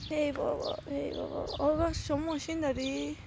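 A woman's voice: high-pitched, flat delivery, gravelly, a little mellow, a little hiss or hum. A woman acting distressed and pleading in a hidden camera prank outdoors. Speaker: prank actress.

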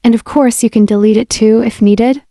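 Friendly woman walking through software. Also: fairly high pitch, moderate pace, no room sound, studio quality. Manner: relaxed, friendly step-by-step explaining. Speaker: software demo presenter. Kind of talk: casual screen-recorded software walkthrough. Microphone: voice-over mic.

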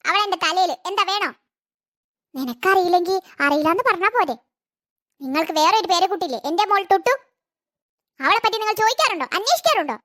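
A woman voicing a harsh, short-tempered mother in an animated cartoon, stern and sarcastic. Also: very high-pitched, fast, pauses often. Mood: resentful.

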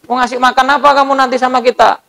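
Nagging angry wife, man doing her voice in a sermon, high gravelly tone. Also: little pitch movement, very fast, a bit bright. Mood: scolding. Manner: nagging, indignant. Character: scolding wife of a poor host.

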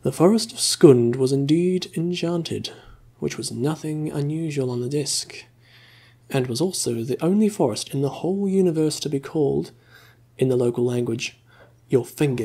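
A man reading a story aloud in a slow, calm, soothing ASMR voice, close to the mic. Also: fairly high pitch, gravelly, breathy edge. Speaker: ASMR reader.

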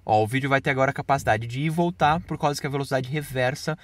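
Brief: male software tutor, quick casual walkthrough, mid-pitched. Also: no room sound. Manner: casual, explains step by step to viewers. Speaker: video editing instructor. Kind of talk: screen-recorded software tutorial.

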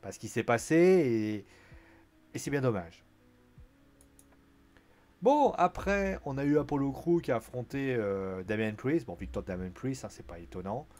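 Animated man recapping wrestling. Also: mid-range voice, a little slow, pauses often. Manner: chatty, lots of fillers, acts out quotes in a raised voice. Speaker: wrestling show reviewer. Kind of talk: casual spoken recap.

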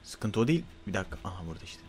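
A young man giving excited let's-play commentary, swinging between loud frantic outbursts and muttering to himself. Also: deep voice, rapid-fire, over music. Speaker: gaming YouTuber.

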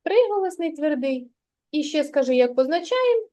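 A woman's voice: high-pitched, sing-song, normal speed, darkish tone. A woman teacher guiding a young child through a literacy lesson, patient and encouraging, praising often. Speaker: kindergarten teacher.

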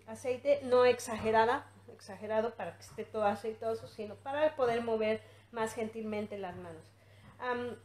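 A woman teaching baby massage step by step, speaking gently with frequent fillers and restarts. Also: a little high. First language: English-teaching background, usually teaches in English. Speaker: infant massage instructor. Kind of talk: demonstration tutorial. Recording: echoey room.

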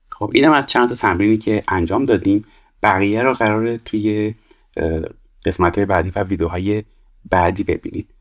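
A man teaching English, reading each phrase slowly and clearly and then explaining it quickly. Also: sits low. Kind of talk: explaining exercises step by step.

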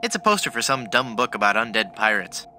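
A man's voice: mid-range voice, sing-song, fairly quick, sharp tone, a little hiss or hum. A man playing a boyish, hapless, wisecracking young adventurer in a cartoon adventure game, speaking in an earnest, wry, exclamatory way.

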